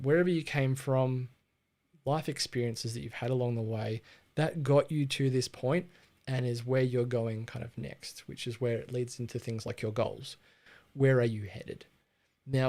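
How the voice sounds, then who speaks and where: Speaking with an Australian accent, a livestream host teaches branding in a chatty, laid-back style, often saying um and restarting his sentences. He has a mid-range voice with a darkish tone.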